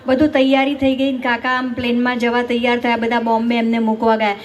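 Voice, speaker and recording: High-voiced woman telling stand-up jokes. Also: completely flat delivery, a little fast. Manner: chatty, teasing, talks directly to the audience. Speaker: stand-up comedian. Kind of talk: stand-up comedy storytelling.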